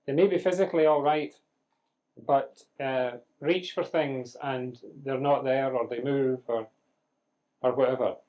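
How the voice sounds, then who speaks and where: A man's voice: mid-range voice, fairly even intonation, a little slow, muffled recording. A man giving a live medical lecture, quizzing students with dry humour. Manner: conversational, questioning the class, dry humour. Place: lecture room with audience.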